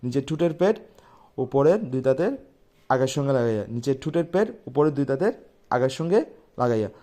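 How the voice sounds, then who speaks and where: A man teaching pronunciation, repeating each sound slowly and loudly before explaining calmly. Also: medium pitch. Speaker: Quran recitation teacher. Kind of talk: letter-by-letter pronunciation lesson.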